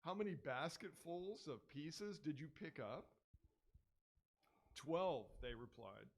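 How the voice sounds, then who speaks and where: A man reading a Bible passage aloud to a class, giving the quoted speech expressive inflections. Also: on the high side, takes it slowly. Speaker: scripture reader in class.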